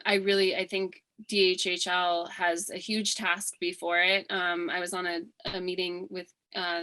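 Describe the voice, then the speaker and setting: A woman from Hawaii running for office, answering forum questions earnestly, with many pauses, fillers and restarts. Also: lowish voice, pushed and bright, poor audio. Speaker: political candidate. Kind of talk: candidate forum interview answers.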